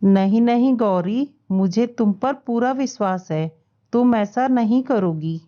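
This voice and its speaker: A woman voicing a gentle, trusting father pigeon in a children's cartoon story, speaking affectionately. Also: a little high, unhurried, natural voice. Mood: reassuring. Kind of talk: animated children's story voice acting. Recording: dull lo-fi audio.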